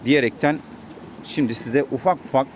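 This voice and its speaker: A man keeping pigeons, talking casually to his viewers and calling to the birds with quick repeated commands. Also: medium pitch. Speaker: pigeon keeper vlogger. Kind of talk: casual vlog talk to viewers. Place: outdoors on a rooftop pigeon loft. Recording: faint outdoor noise. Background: birds and city sounds.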